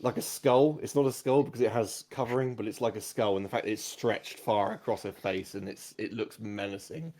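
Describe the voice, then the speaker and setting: Male game master, low voice, descriptive tabletop narration with hesitant searching for words. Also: fairly even intonation, fairly quick, hardly any pauses, a little mellow, a little hiss or hum.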